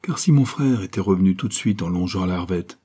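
A man voicing a bitter, tense young man with a dry, harsh voice who argues sharply and quickly. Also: low voice, expressive, warm tone, slightly rough. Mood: arguing.

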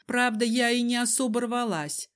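A woman reading a first-person story aloud as an audiobook narrator, in an even storytelling manner. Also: a little high, normal speed.

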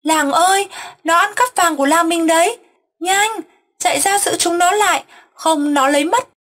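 A woman voicing a frantic, possessed old village man who shouts accusations in a husky voice. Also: high voice, normal speed, pitched above the performer's own voice. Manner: shouting accusations, wild and fearful.

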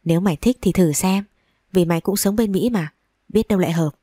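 In a spoken audio story, a woman narrator voices a playful young boyfriend, teasing and coaxing in a low, mellow tone. The delivery is brisk with a breathy edge, and the sound is close and dry with no room sound at all.

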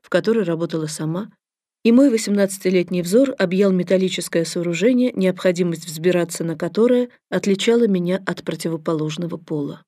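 A woman's voice: on the low side, fairly quick, dark tone, no echo. Audiobook reader: a woman with a wry, ironic delivery and a dry, close sound. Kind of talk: scripted first-person narration.

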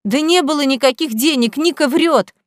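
A woman's voice: high-pitched, normal speed, no echo, pitched above the performer's own voice, lightly acted. A desperate young woman pleading on the edge of tears, as a woman reader voices her. The read is dry, with no room sound around it. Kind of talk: audiobook character reading.

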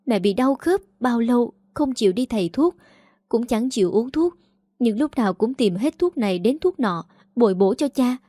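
A woman voicing a headstrong, outspoken young daughter who talks quickly and heatedly. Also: a little high, lively intonation, warm tone, dry recording, studio quality. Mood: heated defiant.

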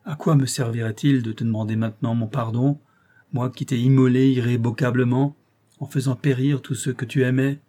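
A man reads the part of a giant, tormented creature with a dark, husky voice, pouring out bitter reproach. The lament stays close to a reader's own voice, mellow and breathy in tone, as in a spoken audiobook. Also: mid-range voice, fairly even intonation, fairly quick, natural voice. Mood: despairing. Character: giant monstrous male creature, anguished and bitter. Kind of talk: audiobook reading.

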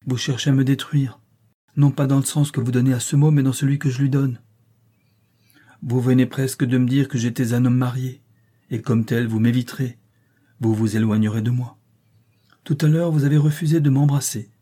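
A man reading aloud and voicing a passionate, tormented middle-aged gentleman, in an impassioned, pleading manner. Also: mid-range voice, fairly even intonation, normal speed, natural voice.

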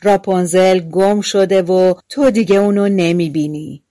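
A woman voicing a cruel, spiteful old witch in a storybook, with harsh, shouting delivery. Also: lowish voice, dry recording, lightly acted. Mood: gloating.

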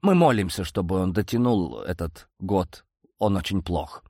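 A man voicing an anxious, courteous nobleman who pleads in a raised, breathy tone. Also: deep voice, expressive, unhurried, darkish tone, no room sound, studio quality, full character voice. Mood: apologetic. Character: anxious, courteous middle-aged count, pleading.

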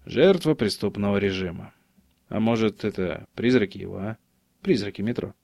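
A man's voice: lowish voice, normal speed, gravelly, a little mellow. A man voicing a sardonic male squad member who mutters sarcastic remarks.

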